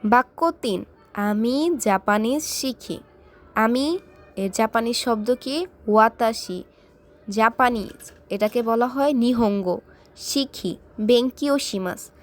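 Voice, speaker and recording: A woman teaching a beginner language lesson, repeating each phrase slowly for learners to copy. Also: a little high, animated.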